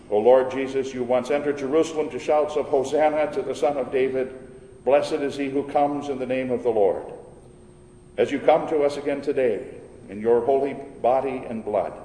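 A male pastor recites liturgical prayer with solemn, formal care and a measured delivery. His mid-pitched voice rings through a large, echoey church with long reverberation. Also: dark tone. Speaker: pastor leading a church service.

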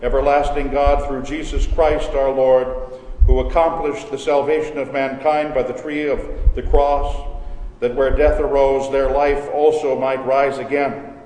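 A man leading a communion service as pastor, praying in a slow, measured, reverent way, his voice ringing with cathedral echo. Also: mid-range voice, warm tone. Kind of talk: solemn liturgical prayer. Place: large church sanctuary. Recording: echoey church hall with long reverb.

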